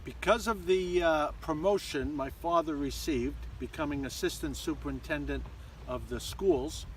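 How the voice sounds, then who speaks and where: An older man with a slightly high voice tells stories of his childhood at an easy, measured pace, pausing often. He was recorded outdoors in a sunny park by a camera mic at some distance, with faint background noise. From born in Germany to American parents. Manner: measured storytelling with many pauses and fillers. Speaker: interview guest. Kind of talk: casual interview.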